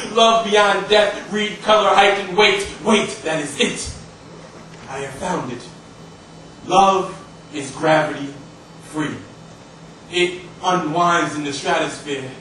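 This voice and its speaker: A young adult slam poet with a high, fairly bright voice performs spoken word in an impassioned, dramatic style, using emphatic phrasing, repetition and alliteration. The live recording is distant, roomy and noisy.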